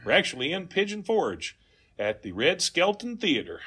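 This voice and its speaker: Bright-voiced man with a slow Southern drawl. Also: a little high, huge pitch swings, husky. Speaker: podcast host. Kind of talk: folksy comedy podcast introduction and interview.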